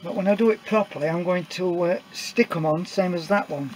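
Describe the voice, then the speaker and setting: A man's voice: high voice, fairly quick, a little mellow, slight background noise, poor audio. A middle-aged man casually walks through his homemade build in a workshop, rambling and plain-spoken with many uhs and restarts. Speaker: DIY maker showing a build. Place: workshop indoors. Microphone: camera mic, filming own hands off-camera.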